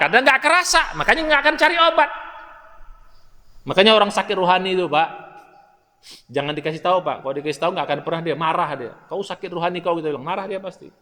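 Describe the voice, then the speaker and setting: An older man gives a dawn lecture in a mosque, his high voice ringing through the hall with a long reverb. He talks in a lively, folksy way, often calling out to the men and women listening. His tone is bright and forceful. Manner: lively, folksy, addresses listeners as Pak and Bu, asks the crowd questions. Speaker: preacher.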